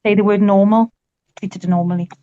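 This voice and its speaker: A woman joining an online group on a video call, speaking in a quick, chatty, apologetic way. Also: medium pitch, fairly even intonation, dark tone. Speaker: group participant. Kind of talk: casual online group discussion. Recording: dull lo-fi call audio.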